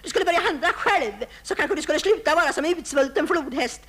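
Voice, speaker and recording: A nagging housewife in a vintage radio comedy sketch. Her voice is very high and shrill, and she scolds endlessly in a reproachful, wounded tone. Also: lively intonation, a bit bright.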